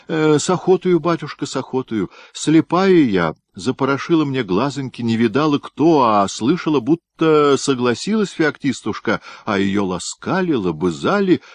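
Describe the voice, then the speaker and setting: A man's voice: mid-range voice, big pitch swings, moderate pace, hardly any pauses, dry recording, pitched above the performer's own voice. A man reading an audiobook, voicing a frightened old female housekeeper who pleads and wheedles. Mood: pleading.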